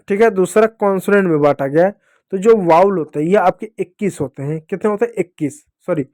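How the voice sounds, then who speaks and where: A man's voice: sits high, a little mellow, no room sound, clean studio sound. Patient man teaching children phonics. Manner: patient and repetitive, asks the children questions and answers them himself. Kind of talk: classroom phonics lesson explained in Hindi.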